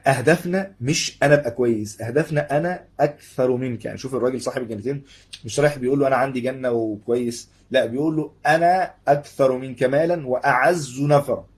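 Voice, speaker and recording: Rapid husky Egyptian man lecturing. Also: medium pitch. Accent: Egyptian Arabic. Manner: conversational, animated, acts out little dialogues. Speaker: Islamic lecturer. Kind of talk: religious lecture in colloquial speech.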